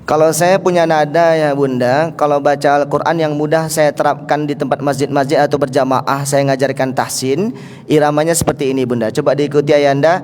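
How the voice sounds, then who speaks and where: A man teaching Quran recitation to a congregation, coaxing listeners to repeat and breaking into slow, drawn-out chanted verses between his explanations. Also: fairly high pitch, steady tone, darkish tone, a little hiss or hum. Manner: coaxes listeners to repeat, counting them in. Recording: long hall reverb with faint music.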